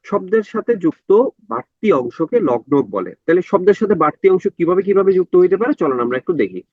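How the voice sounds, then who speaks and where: A man teaches an exam prep lesson, repeating each point and asking his students whether it is clear. His voice sits somewhat high for a man. The recording is dry and muffled, with a lo-fi dullness. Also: expressive, fast, no echo. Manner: repetitive, asks checking questions. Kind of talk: lecture to an online class.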